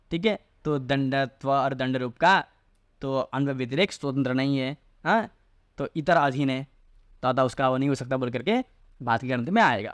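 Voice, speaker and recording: A man teaching a lecture, asking rhetorical questions and answering them himself, and reciting classical phrases slowly. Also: mid-range voice, dry recording, clean studio sound. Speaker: Sanskrit teacher. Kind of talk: explanatory Hindi lecture on a Sanskrit logic text.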